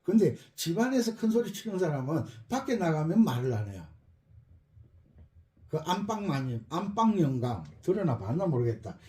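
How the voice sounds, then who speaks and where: A man's voice: fairly high pitch, moderate pace, reverberant. A middle-aged man teaching an accordion lesson, joking and repeating his key phrases. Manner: lively, repeats key phrases, jokes with students. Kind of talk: spoken music lesson.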